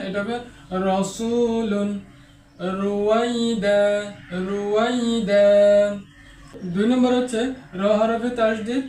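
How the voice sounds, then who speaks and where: High-voiced man teaching recitation rules in an echoey room. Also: a little mellow, recorded from a distance. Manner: methodical, enumerates rules and repeats example words slowly. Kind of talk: online lesson on recitation rules.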